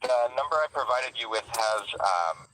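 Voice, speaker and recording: A man's voice: fairly low pitch, lively intonation, moderate pace. A man working as an information and referral phone agent, talking hesitantly with many fillers, heard through a phone speaker that keeps cutting out. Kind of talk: phone call. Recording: distant noisy speakerphone.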